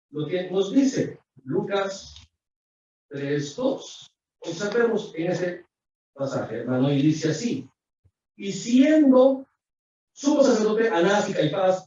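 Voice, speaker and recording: Preacher, male, high voice, emphatic and repetitive, heard from afar in a boomy church on a dull lo-fi recording. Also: dark tone, slight background noise. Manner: emphatic, repetitive preaching, addresses listeners as brothers. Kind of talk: sermon. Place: church sanctuary. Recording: echoey distant lo-fi church recording.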